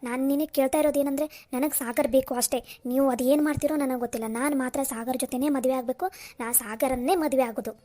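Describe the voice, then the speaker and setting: A headstrong young daughter, voiced by a woman in a homemade cartoon. Her voice is high yet mellow and dark in tone. She speaks insistently and refuses to back down. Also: fairly even intonation, quick pace. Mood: defiant. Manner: insistent and defiant. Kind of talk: Kannada cartoon voice acting.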